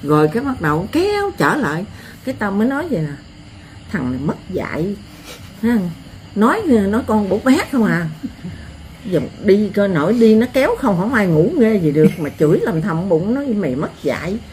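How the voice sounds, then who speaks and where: An older woman with a Southern Vietnamese accent, telling stories in a blunt, earthy, animated way as an interviewee. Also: mid-range voice, a little fast, slight background noise. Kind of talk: rural storytelling.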